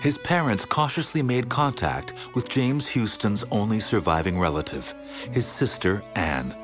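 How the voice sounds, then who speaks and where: A man reading a scripted documentary narration in a dramatic way, slowing down on key words, with music playing behind him. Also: on the low side, expressive. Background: background music.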